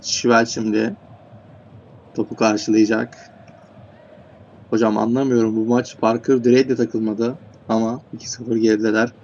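A man's voice: medium pitch, level tone, moderate pace, long pauses, a little mellow, lo-fi sound, slight background noise. A man commentating an online football game, rattling off player names and rising sharply when goals go in. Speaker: play-by-play commentator. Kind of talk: esports match commentary.

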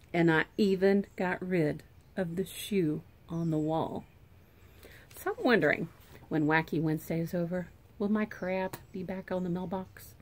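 Animated preschool teacher reading aloud. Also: female voice, mid-range voice. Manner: animated, expressive, with hushed asides. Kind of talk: reading a picture book aloud to children. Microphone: phone camera.

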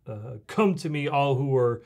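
A man in mid pitch who talks slowly and calmly while co-hosting a faith reaction show. He explains scripture in an affirming, teaching way and often backs up his co-host. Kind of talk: casual chat reacting to a show.

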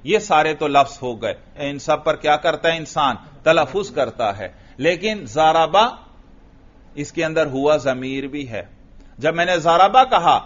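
A man's voice: fairly high pitch, a bit bright. A male religious teacher with a Pakistani Urdu accent gives a grammar lecture, asking the class questions and answering them himself. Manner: recites Arabic text slowly, then explains it. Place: lecture room. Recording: dull lo-fi classroom recording.

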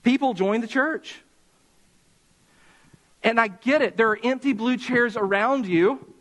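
A man with a high, light voice preaching to his congregation in a church sanctuary. He talks in an impassioned way and slows right down to press his points home. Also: a bit bright. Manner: impassioned preaching, slowing for emphasis. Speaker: pastor. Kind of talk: sermon.

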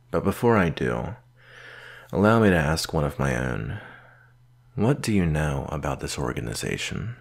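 Here the gruff researcher doctor, solitary and stern yet patient as a mentor, is voiced by a man in a rumbling low, gravelly, full character voice. He acts slowly toward the listener, keeping his manner measured, dry and clipped.

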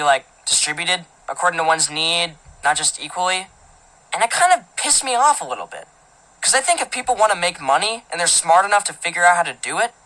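Woman reading a teen guy's story out loud, lots of "like", kinda huffy, bright and a bit low. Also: rough recording. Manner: casual, filler-heavy, indignant teen tone. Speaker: audiobook reader. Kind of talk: audiobook narration of a teen boy's first-person story.

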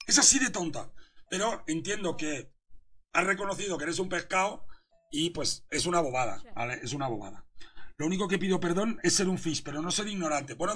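A man's voice: on the high side, pushed and bright, slightly rough. A young man, a poker coach commentating his hands live and teasing a viewer in chat.

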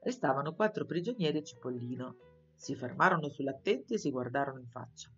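Low-voiced woman reading a children's story. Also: fast talker, husky, lo-fi sound, soft background music. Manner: expressive, storytelling. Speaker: audiobook reader for schoolchildren. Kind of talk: storybook narration.

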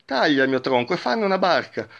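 A man's voice: on the high side, big pitch swings, brisk, gravelly, a bit bright, lo-fi sound, voice pushed up, full character voice. A man voicing a tender, generous tree. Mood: eager. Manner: pleading and tender. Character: loving, generous, patient old tree.

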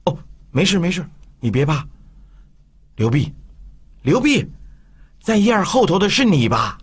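A man voicing a mischievous, playful young man in an audiobook, talking in a teasing, lively way. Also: high-pitched, measured pace, breathy edge, voice pushed up, exaggerated voice. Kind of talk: audiobook character voice.

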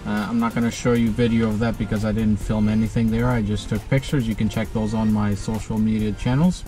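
A man's voice: lowish voice, little pitch movement, a little fast, mellow. A man in his thirties chatting casually to camera as a vlogging photographer, recorded inside a car in the rain. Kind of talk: casual vlog talk to camera. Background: rain on the car, music.

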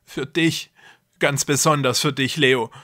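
A man voicing a cruel, deluded young man who believes he is a god, speaking loudly and feverishly. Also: medium pitch, fairly even intonation, a little slow, voice pushed up. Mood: pleading. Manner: loud, intense, feverish delivery.

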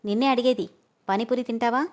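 A woman's voice: fairly high pitch, fairly even intonation, fast talker, natural voice. A woman voicing a teasing, confident young man.

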